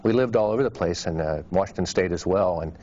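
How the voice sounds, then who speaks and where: A man, a Navy pilot astronaut, talking relaxed in a documentary interview. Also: sits low, fast. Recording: dull lo-fi recording.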